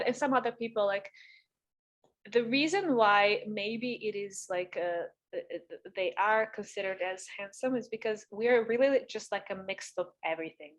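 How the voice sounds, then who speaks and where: A young woman from Serbia co-hosts a relaxed podcast chat. She talks in loose, hesitant runs full of fillers and keeps checking in with "right?". Her pitch is mid-range for a woman. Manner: chatty, hesitant, lots of fillers and "right?" tags. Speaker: podcast co-host. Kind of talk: casual chat.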